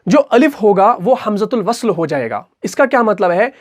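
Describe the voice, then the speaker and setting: High-voiced man teaching recitation rules. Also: big pitch swings, normal speed. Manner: patient, repetitive, asks and answers his own questions. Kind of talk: explanatory recitation lesson.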